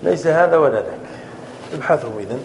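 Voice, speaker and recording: A man teaching an Arabic grammar class. He repeats key phrases, keeps asking whether it is clear and calls on students to answer. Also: fairly high pitch, expressive, quick pace. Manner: often checks understanding with "clear?". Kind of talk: classroom lesson.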